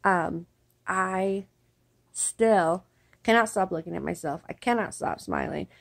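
A woman's voice: fairly low pitch, slow, creaky. A woman in her thirties, chatting casually and upbeat to her viewers as a vlogger, speaking with new dentures. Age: 30s. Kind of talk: casual vlog chat.

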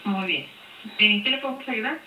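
On a distant, echoey, noisy phone line, a woman works as a technical support agent in a formal customer service call. Her voice is on the high side and sharp in tone, her speed normal, her manner polite and formal.

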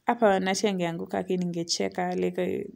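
A young woman with a Kenyan accent narrating a casual vlog, chatty and quick to laugh. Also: on the low side, little pitch movement, gravelly, darkish tone. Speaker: vlogger. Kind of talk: casual vlog voice-over mixing English and Swahili slang.

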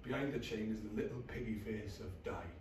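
A man's voice: lowish voice, fairly quick. A man in his thirties performs an intense, brooding dramatic monologue from a script in short clipped phrases. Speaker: actor in a rehearsed reading. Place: small bare indoor rehearsal room. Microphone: distant camera across the room. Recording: echoey room, far from mic, faint noise.

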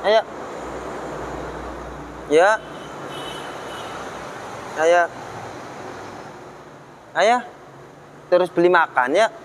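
A man, his voice pitched fairly high, talks into a handheld phone outdoors near a street. He coaxes and cajoles with short commands repeated again and again. A faint hum of street noise sits behind him. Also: very slow, pauses often, fairly bright tone, rough recording. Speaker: vlogger. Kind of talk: casual handheld vlog narration.

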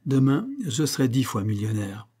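A man's voice: medium pitch, normal speed, mellow, natural voice. A man voicing a greedy young heir, smug and joking.

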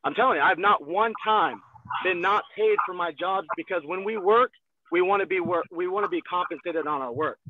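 A man in his twenties giving an energetic motivational sales talk from a car, heard over a video call. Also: sits high, normal speed, a little hiss or hum. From Texas. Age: 20s. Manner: energetic, gestures a lot, repeats phrases. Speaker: guest salesman. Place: in a parked car. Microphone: phone on a video call. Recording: thin phone-like video call audio.

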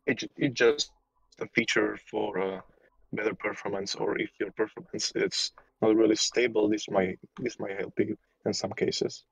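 A man explaining a software tool on an online call, talking hesitantly with restarts, heard through lo-fi audio over a weak connection. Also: lowish voice, little pitch movement, normal speed, creaky, slightly rough, no room sound. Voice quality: hesitant, with many restarts and fillers. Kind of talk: casual technical explanation on a call.

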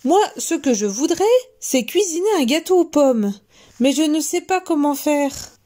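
A woman's voice: high voice, animated, measured pace, dark tone, pitched above the performer's own voice. A woman voicing a kind clumsy wolf. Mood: wistful. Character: gentle clumsy male wolf, good-natured.

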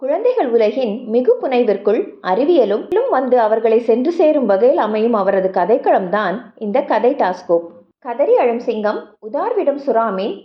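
A woman with a high, sing-song voice reads a children's story aloud, her pitch leaping up and down as she draws young listeners in. The recording is a little dull and lo-fi. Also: normal speed. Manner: lively, expressive storytelling addressing young listeners. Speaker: audiobook reader.

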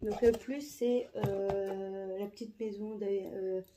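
Slow, soft-spoken woman vlogger. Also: mid-range voice, steady tone, music in the background. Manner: halting, many fillers and repeats, soft-spoken. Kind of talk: casual unboxing commentary.

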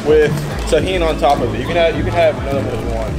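Casting: young male challenge-vlog host, frat-bro banter, lightly raised pitch, loud music over the voice. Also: rapid-fire. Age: young adult. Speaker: host of a food challenge video. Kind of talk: casual challenge vlog chat.

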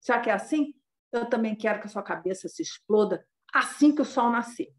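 A woman voicing a compassionate male ascetic who calmly pleads and explains in a slightly raised voice. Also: fairly high pitch, a little fast, reverberant, close to an everyday voice. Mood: reasoning, compassionate.

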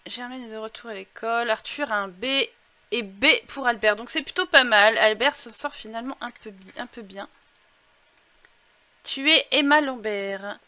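A young woman giving chatty, excitable commentary while playing a life-simulation game, talking through a headset mic. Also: on the high side, normal speed, no echo. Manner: chatty, excitable outbursts, thinks aloud. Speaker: gaming YouTuber. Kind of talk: casual let's-play commentary.

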